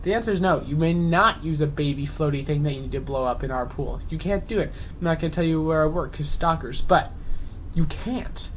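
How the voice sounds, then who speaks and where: Young vlogger, casual storyteller, filler-heavy and chatty, mid-pitched voice with a faint hiss behind it. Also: brisk, rough recording. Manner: chatty, lots of fillers, acts out the other people's lines. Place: at home.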